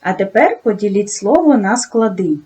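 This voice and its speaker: A woman teaching a video lesson to second graders, talking slowly and sing-song and praising the children often. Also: mid-range voice, expressive, mellow, slightly rough. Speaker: primary school teacher.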